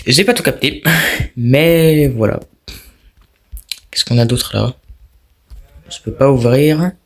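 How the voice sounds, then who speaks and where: A man's voice: mid-range voice, slow. Young guy doing a horror let's-play, jumpy and chatty, muttering to his viewers. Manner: jumpy, talks to himself and viewers while playing. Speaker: gaming YouTuber. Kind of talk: casual let's-play commentary.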